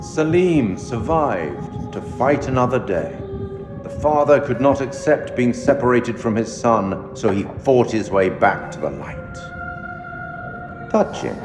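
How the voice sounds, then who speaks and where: An actor voices an enigmatic, sardonic male curator in a video game, addressing the player formally and theatrically as he judges their choices. His medium-pitched voice swings widely in pitch, measured and solemn yet wryly sardonic. Long hall reverb and music underneath frame this scripted narration.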